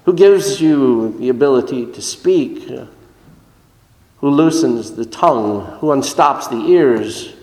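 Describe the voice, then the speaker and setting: A man's voice: medium pitch, animated, takes it slowly, darkish tone, echoey room, big-room sound. A male preacher speaking the part of God, in an emphatic, insistent way that keeps rising. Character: commanding divine male voice of God.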